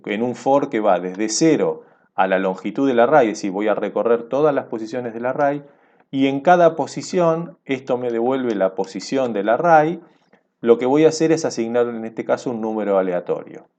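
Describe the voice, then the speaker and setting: A man's voice: mid-range voice, expressive, normal speed, darkish tone. Man explaining code, dull lo-fi sound. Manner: explanatory, checks in with "¿sí?". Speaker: programming teacher. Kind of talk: screencast coding lesson.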